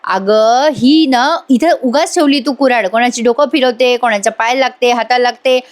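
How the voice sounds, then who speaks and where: A woman's voice: on the high side, moderate pace, natural voice. A woman voicing a grumbling, practical young woman in a serial recap.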